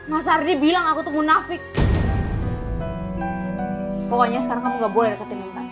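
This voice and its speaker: A woman's voice: high-pitched, expressive, a little fast, over music. A fierce protective young mother. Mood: angry. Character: protective young mother standing up to her husband. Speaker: mother in a TV drama. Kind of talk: TV drama acting.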